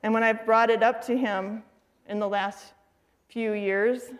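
A middle-aged woman teaching a faith-based class. She tells lively stories and asks her listeners questions. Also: fairly high pitch, a little slow. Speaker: Bible study teacher.

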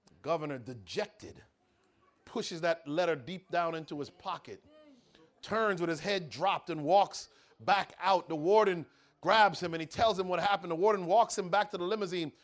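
A man preaching a sermon, telling a story with dramatic pauses and rising intensity. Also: high voice.

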